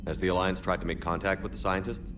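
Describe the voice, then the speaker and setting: An actor as a male starship commander in a sci-fi game, with a deep voice. He is plain-spoken, direct and steady in purpose. Clear noise sits under the voice. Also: quick pace, natural voice. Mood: resolute, businesslike. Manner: direct, terse, businesslike. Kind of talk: video game voice acting.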